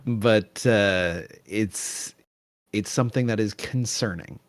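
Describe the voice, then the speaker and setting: A man on a live game review panel, talking in an unhurried, casual way. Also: lowish voice.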